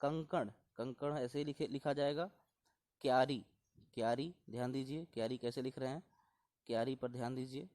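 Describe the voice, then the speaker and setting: A man's voice: medium pitch, darkish tone. A male teacher going through correct Hindi spellings word by word for exam students, repeating each word and telling them to take care. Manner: repeats words slowly and reminds students to pay attention. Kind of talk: exam-prep spelling lesson.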